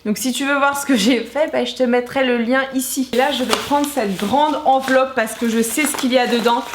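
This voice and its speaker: In her thirties, a beauty vlogger unboxes products and gushes over each one in a casual, enthusiastic chat. Her voice sits high and moves briskly with fairly even intonation. The room is echoey, with faint background noise.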